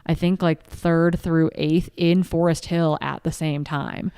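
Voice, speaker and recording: A woman co-hosting a casual chat show, talking quickly and with enthusiasm, often saying "like". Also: low voice, vocal fry, clear, resonant tone, dry recording, clean studio sound. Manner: quick, animated and enthusiastic, piling on "like". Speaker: podcast co-host and race commentator.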